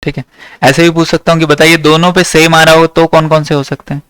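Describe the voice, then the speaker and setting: A man's voice: fairly high pitch, level tone, fast talker, a bit bright, clear, resonant tone, dry recording. A young man from teaching maths to a class, checking often that his students follow. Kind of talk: classroom lecture.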